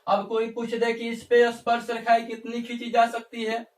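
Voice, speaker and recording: A man's voice: very high-pitched, completely flat delivery, normal speed. A male teacher giving a math lesson, asking the class questions and answering them himself, repeating phrases as he coaxes them along. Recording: echoey room, mic far off.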